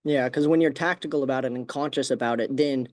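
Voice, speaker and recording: Relaxed man, podcast host. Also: medium pitch, fast, no echo, studio quality. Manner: relaxed, filler-heavy. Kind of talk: casual conversation.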